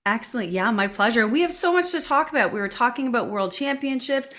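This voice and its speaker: A woman's voice: fairly high pitch, animated, fast talker, a bit bright. A woman hosting an interview podcast, introducing her guest and asking questions with an enthusiastic, effusive manner. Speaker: podcast host.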